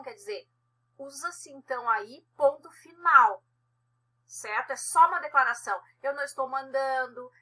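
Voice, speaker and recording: A woman's voice: sits high, bright, forceful tone. A woman teacher explaining a grammar lesson, checking in often with tag questions.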